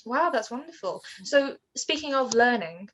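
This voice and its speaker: A woman's voice: fairly high pitch, animated, normal speed, a bit bright, a little hiss or hum. A woman hosting a podcast in an upbeat, polite way, with some "um" fillers as she phrases questions. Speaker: podcast host.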